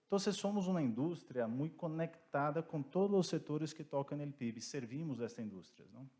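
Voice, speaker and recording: A man's voice: on the high side, expressive, dark tone. Brazilian man speaking Portuguese-tinged Spanish. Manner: Spanish mixed with Portuguese, careful and deliberate. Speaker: petrochemical company representative, panelist. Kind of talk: prepared remarks at a conference panel.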